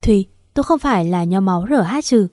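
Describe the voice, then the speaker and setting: A woman reading the lines of a calm, steadying young husband in a storybook narration. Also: medium pitch, quick pace, dry recording, clean studio sound, close to an everyday voice. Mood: urgent.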